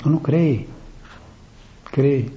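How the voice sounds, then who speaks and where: A priest giving a reflective, conversational meditation on a gospel reading, pausing often and speaking in a gentle, searching way. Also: male voice, medium pitch. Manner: reflective, conversational preaching with many pauses and fillers. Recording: slightly dull, faint background noise.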